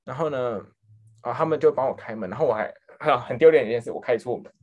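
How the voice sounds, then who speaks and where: A man's voice: medium pitch, fast talker, darkish tone, highs cut off. A young man casually telling a story as a podcast host, acting out quotes and laughing often. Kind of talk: casual chat.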